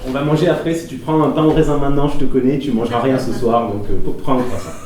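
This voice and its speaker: A patronizing, bossy grown-up who nags like a parent, played by a man on stage. His voice sits at an ordinary pitch and comes from far off in a very echoey hall, with clear noise around it. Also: fairly even intonation, fast talker, darkish tone, close to an everyday voice. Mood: scolding. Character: bossy adult man scolding a sulking grown child. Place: live comedy stage in a theatre. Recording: very echoey, distant, noisy live stage capture.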